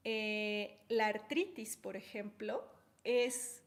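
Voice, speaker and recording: A woman's voice: mid-range voice, very slow. Chatty woman teaching with stories. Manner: conversational, explains with stories, checks in with tag questions. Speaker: personal development speaker. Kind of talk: teaching a workshop.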